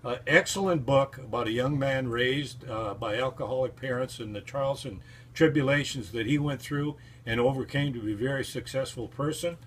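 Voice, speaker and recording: A man's voice: medium pitch, normal speed. An older man telling folksy, rambling anecdotes about a longtime friend while endorsing the friend's books. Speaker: friend giving a book endorsement. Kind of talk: casual storytelling.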